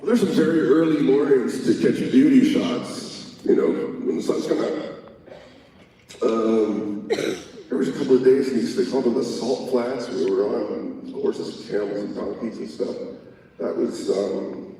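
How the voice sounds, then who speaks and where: A man on a convention panel telling lively set stories, chuckling as he goes. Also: medium pitch, measured pace, distant mic, a little hiss or hum. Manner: animated storyteller, chuckling. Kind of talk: casual panel anecdotes. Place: large convention hall. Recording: echoey hall recorded from afar.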